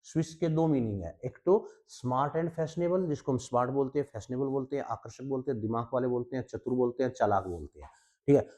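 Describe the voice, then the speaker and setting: A man's voice: medium pitch, fast talker, dark tone. A man with an Indian English accent teaching an exam-prep vocabulary lesson, mixing Hindi and English and checking in with his students again and again. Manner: repeats "ठीक है ना" often, mixes Hindi and English, mnemonic tricks.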